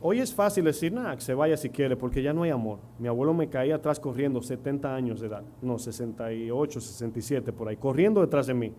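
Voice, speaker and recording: In a mellow, mid-range voice full of lively intonation, a middle-aged Dominican pastor talks fast with hardly any pauses, telling stories and firing rhetorical questions at his congregation. The church recording, in Dominican Spanish accent, has a faint hum and noise.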